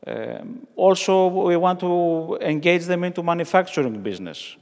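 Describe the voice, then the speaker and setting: A man's voice: high voice, expressive, moderate pace, creaky, in a large hall. A man who organizes a church project, speaking hesitantly in a documentary interview. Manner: hesitant, with many fillers and restarts.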